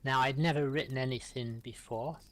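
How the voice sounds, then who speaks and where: A man's voice: medium pitch, fairly even intonation, fairly bright tone. Middle-aged man reading his rhyming poems. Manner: recites his own rhyming poems aloud; plain, unhurried invitations between poems. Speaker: poetry reading host. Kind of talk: hosting a live-streamed poetry reading.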